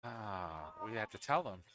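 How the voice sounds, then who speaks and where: Lively, bright-voiced male pool commentator. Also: fairly low pitch, slow pace, a little hiss or hum. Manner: chatty, talks to co-commentator between shots. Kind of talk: live play-by-play commentary. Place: indoors at a pool league venue.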